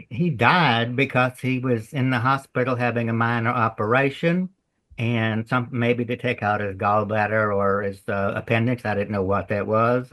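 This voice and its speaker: A man's voice: medium pitch, fairly bright tone. A man with a Southern US accent, a playwright chatting in an interview, rambling in a folksy way as he tells stories. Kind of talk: casual interview chat.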